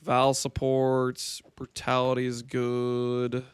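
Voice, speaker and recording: A man's voice: mid-range voice, completely flat delivery, slow, clear, resonant tone. A man on a livestream headset mic, chatting and joking as he thinks aloud through gameplay commentary.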